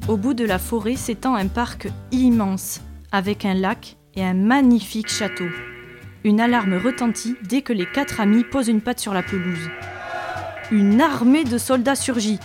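A woman storyteller from a media library reading a children's picture book aloud, expressive and lively. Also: on the high side, moderate pace, music in the background.

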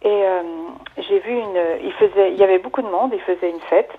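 A woman in her fifties calling a radio show, telling her story haltingly with many restarts. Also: medium pitch, husky. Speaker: caller. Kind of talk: phone-in confiding. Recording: tinny phone line.

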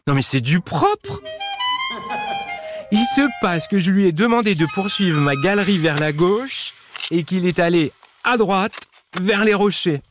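A man's voice: sits high, expressive, measured pace, over music, voice pushed up. A man voicing an indignant mole who complains and scolds in a storybook reading.

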